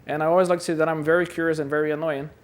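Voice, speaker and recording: Rapid-fire and flat, his fairly high voice carries through a conference hall as this Brazilian man gives a talk. It's a chatty, self-deprecating delivery with frequent word repetitions.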